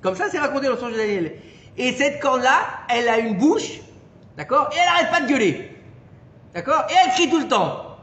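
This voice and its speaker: High-voiced man teaching in an echoey room. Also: fairly quick. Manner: animated, questions the listeners and adds "d'accord?". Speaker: Torah teacher. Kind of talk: informal Torah lesson to a small group. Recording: echoey room with long reverb and faint noise.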